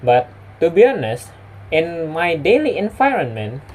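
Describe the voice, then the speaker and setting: A man's voice: on the high side, very animated, measured pace, a little mellow. A young man from West Sumatra, a native Indonesian and Minang speaker with an Indonesian accent, giving a prepared personal presentation as a student. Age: young adult.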